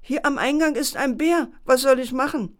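A woman's voice: sits high, moderate pace, voice pushed up, close to an everyday voice. A woman doing a flustered male gatekeeper. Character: flustered rule-bound male factory gatekeeper.

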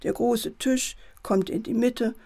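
A woman narrating a children's bedtime story in a gentle, lively way. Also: a little high, slow.

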